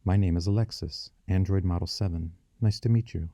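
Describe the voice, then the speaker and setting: A man's voice: deep voice, fairly quick, warm tone, dry recording, studio quality. A man reading the lines of a polite, welcoming female android receptionist in an audiobook. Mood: friendly.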